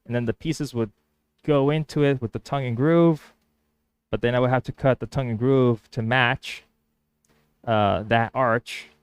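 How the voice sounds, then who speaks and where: A Spanish-speaking man thinks aloud casually while working on a woodworking build, narrating a relaxed workshop vlog with hesitant restarts. His voice is medium-pitched and smooth, with fairly even intonation and a moderate pace. There's no room sound.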